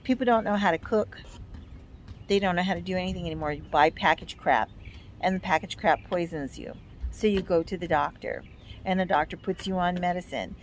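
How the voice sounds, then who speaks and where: A woman's voice: on the low side, a little fast, a little hiss or hum. An American woman in her fifties chatting casually and giving blunt, emphatic, complaining opinions. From United States. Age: 50s. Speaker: vlog co-host.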